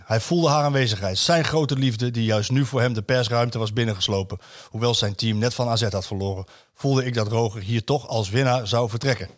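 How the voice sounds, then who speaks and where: A man hosting a football talk show, chatting and reading a column aloud with hesitant fillers. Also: medium pitch. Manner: hesitant, many fillers, chuckles while reading. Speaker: football radio show host.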